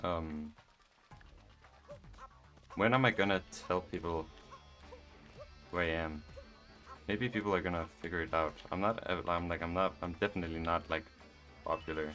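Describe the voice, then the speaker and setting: A young man thinks out loud while he plays a game, speaking in a flat, low monotone. His voice sits very deep, and faint music runs underneath. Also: normal speed, pauses often. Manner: monotone, rambling, musing aloud. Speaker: gaming vlogger. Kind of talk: casual gameplay commentary.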